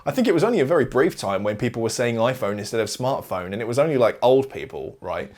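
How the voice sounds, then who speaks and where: A man's voice: medium pitch, very animated, fast, a little mellow. A man giving a casual, rambling movie recap, chatty and sarcastic, full of fillers and asides. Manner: sarcastic, mocking. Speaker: movie reviewer.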